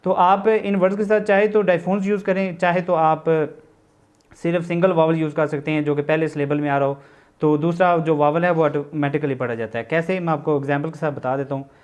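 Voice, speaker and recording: Man, shorthand instructor, slightly high voice, patient, repeats points, slow deliberate reading of definitions. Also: fairly even intonation, a little mellow, clear, resonant tone. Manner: repeats and restates points for students. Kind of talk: explanatory lesson.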